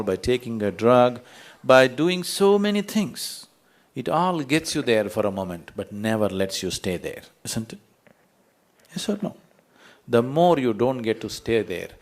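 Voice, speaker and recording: Man, spiritual teacher, talk to an audience, emphatic, rhetorical questions, parables. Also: medium pitch.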